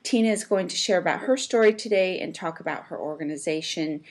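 A woman hosting an interview show, asking gentle, long winding questions. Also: on the low side, a little fast. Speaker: host.

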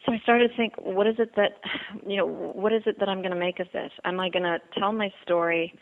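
A Bahamian interview guest describes her personal experiences on a phone line, her mid-range voice keeping fairly even intonation. She speaks earnestly but haltingly, with fillers and repeated phrases.

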